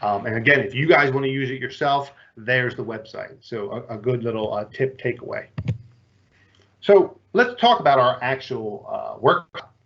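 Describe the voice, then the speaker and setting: A man co-presents a webinar in a relaxed, chatty way, dropping easy joking asides. His voice has a middling pitch. The sound is a little dull, as on an online call. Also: moderate pace, creaky, slight background noise. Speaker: workshop trainer. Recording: slightly muffled online call audio.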